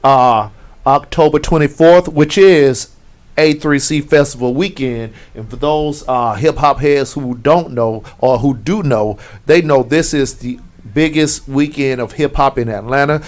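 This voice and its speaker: A man's voice: mid-range voice, measured pace. A man hosting an internet radio talk show, speaking earnestly and from the heart. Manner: earnest, heartfelt shout-outs.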